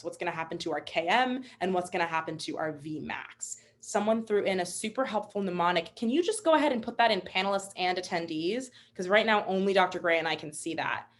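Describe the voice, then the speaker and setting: Upbeat young woman teaching online. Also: lowish voice. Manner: upbeat, encouraging, chatty with fillers. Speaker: MCAT instructor. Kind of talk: live online teaching webinar.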